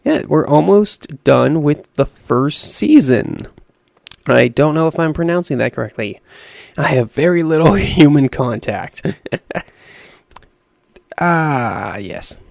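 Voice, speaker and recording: A young man with a raspy voice giving rambling, self-deprecating commentary over a video game. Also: a little high, expressive, takes it slowly, long pauses, darkish tone, no echo. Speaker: gaming YouTuber. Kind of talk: casual gameplay commentary.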